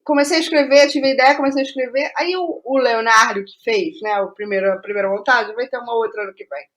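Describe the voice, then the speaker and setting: On a muffled recording, a Brazilian playwright being interviewed speaks fast in a rather high, slightly bright voice. Informal and reflective, she discusses her creative process and often repeats phrases along the way.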